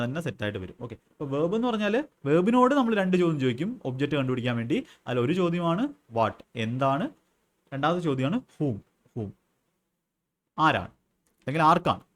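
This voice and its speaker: A man with a Malayali accent teaching an exam-prep English grammar lesson, asking and answering his own questions and repeating key words. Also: on the high side.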